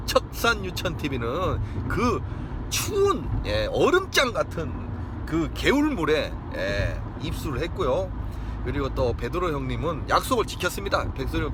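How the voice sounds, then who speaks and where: Loud korean streamer guy w gyeongsang accent, high voice swinging all over, lots of street noise. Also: wildly swooping pitch, unhurried. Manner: boisterous, bursts into shouting and mock-religious chanting. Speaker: live-streamer host. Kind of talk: excitable livestream monologue.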